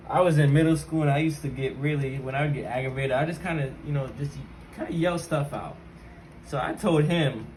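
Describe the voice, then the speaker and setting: Here a mid-range male voice hosts a laid-back tech how-to on his YouTube channel, addressing viewers directly and sprinkling in slang and personal anecdotes. A little background noise can be heard.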